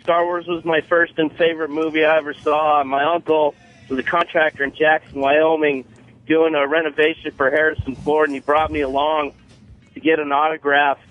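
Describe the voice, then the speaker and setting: A man's voice: a little high, level tone, moderate pace. A man from Arizona calling a radio show, telling a story in a matter-of-fact way. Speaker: caller. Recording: dull phone line.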